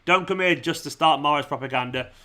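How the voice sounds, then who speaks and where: Talking fast, a male fan channel host chats casually with viewers during a football watchalong stream. His voice is bright and fairly high, slightly worn from talking as he loses it, and he stays informal and matey with lots of "man," "mate" and "pal."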